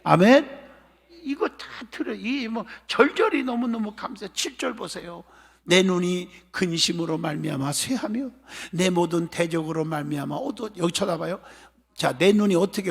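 A man pastor preaching a sermon to a congregation, emphatic and urging amens, at times breaking into shouts. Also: high-pitched, gravelly, husky. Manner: emphatic preaching, often calling for amen; bursts into shouting at climaxes. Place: church sanctuary during a live service. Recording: long reverb of a church hall.

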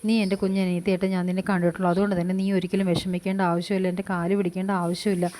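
A woman quickly retelling a TV serial episode, quoting each character's lines in turn with frequent fillers. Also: fairly low pitch, level tone, mellow. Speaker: serial review vlogger.

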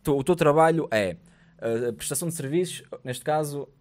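A man in his thirties with a European Portuguese accent, co-hosting a casual podcast and telling animated stories, acting out the dialogue and swearing freely, on a studio mic. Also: fairly high pitch, a little fast. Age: 30s. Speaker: podcast co-host. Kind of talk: casual chat. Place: studio with blue lighting, indoors. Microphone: studio mic on arm.

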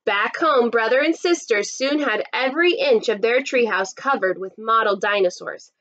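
With a fairly bright, higher-leaning voice and a moderate pace, a woman in her thirties narrates a picture book for little kids. She's a kindergarten teacher reading aloud with expression in a small classroom-style room, captured in lo-fi sound.

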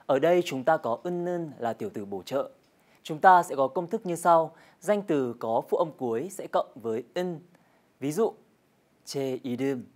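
A woman's voice: sits low, lively intonation, moderate pace, a little mellow. A woman co-hosting a scripted television language lesson, guiding viewers through drills and games in a friendly way. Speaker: Korean language teacher co-host.

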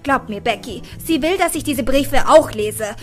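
A woman reading an audiobook and voicing a pushy, excitable young woman who talks loudly and breathlessly, over faint music. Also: unhurried. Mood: excited teasing. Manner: shrill, loud and breathless with excitement.

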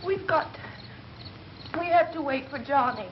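A woman voicing a frightened young woman who tells what happened in halting, broken phrases, on a muffled amateur dub. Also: high-pitched, very noisy. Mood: pleading. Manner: halting, breathless retelling with repeated words.

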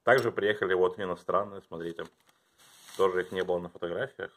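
A man chatting casually at home as he unboxes and reviews his collection, thinking aloud and dropping to quiet mutters as he handles things. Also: low-pitched, fairly even intonation, brisk.

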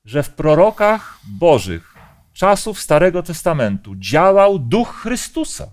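A man's voice: fairly high pitch, big pitch swings, measured pace. A man leading a Bible study discussion, explaining passages and asking the group questions.

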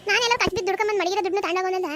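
A shrill scolding village wife. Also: fairly even intonation, bright, forceful tone. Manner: scolding, rapid complaints. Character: sharp-tongued village wife, woman. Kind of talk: cartoon voice acting.

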